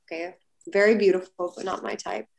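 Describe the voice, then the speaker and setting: Speaking fairly quickly in a low, gravelly voice, a woman co-hosting a podcast rambles through a long story during a casual conversation. She's animated and leans heavily on the filler "like."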